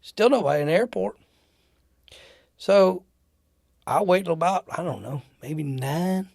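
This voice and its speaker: Man guest, gravelly storyteller, animated, dry close mic. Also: high-pitched, a little slow, no room sound. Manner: animated, acts out the people in his stories. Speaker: interview guest telling war-era travel stories. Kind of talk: casual storytelling.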